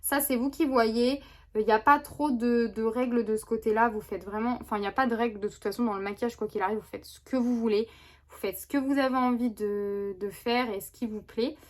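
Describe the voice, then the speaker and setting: A woman with a somewhat high voice chats her way through a makeup tutorial. She rambles, restarts her sentences and fills pauses with hesitations as she explains each step. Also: fairly even intonation. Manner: chatty, rambling with many fillers and restarts. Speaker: beauty vlogger. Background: neighbor's lawnmower.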